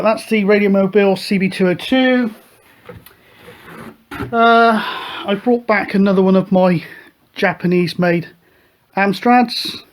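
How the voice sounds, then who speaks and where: A middle-aged British man hosts a radio hobby show, showing off his radio gear in a casual show-and-tell for regular viewers. He rambles loosely, peppering his talk with "uh" and "so", sounding relaxed and unscripted. His voice sits fairly high for a man.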